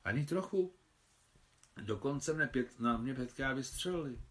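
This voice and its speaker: A man reading aloud and voicing a bold, cool-headed young Russian countess in an audiobook, in a lively, playful way. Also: medium pitch, natural voice.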